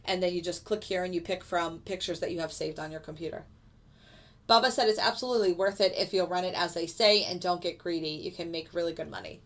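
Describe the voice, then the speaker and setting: A woman's voice: fairly low pitch, fast, a bit bright. A woman with a stuffy, congested voice from a cold, explaining her live trades casually and answering viewer questions with fillers. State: stuffy nose from a lingering cold. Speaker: futures day trader streaming live. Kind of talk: live trading commentary answering chat.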